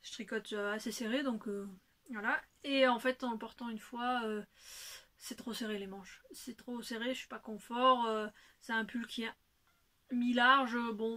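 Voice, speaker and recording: With a slightly high, sharp-toned voice, a woman runs her knitting video podcast as a relaxed chat. Her talk wanders, friendly and talkative, and is peppered with hesitations.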